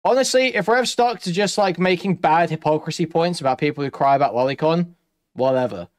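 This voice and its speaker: A man's voice: on the high side, a little fast, dry recording, studio quality. A man giving casual, opinionated commentary in a blunt, mocking, sweary way. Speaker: streamer commentator.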